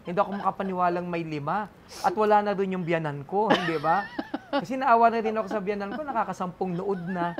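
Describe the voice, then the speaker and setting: Filipino-accented male comedian guest, chatty and animated, light background noise. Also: high voice, fast. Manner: animated joke-telling, mixes English into Filipino, laughs often. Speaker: lawyer and stand-up comedian guest. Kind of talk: casual interview storytelling.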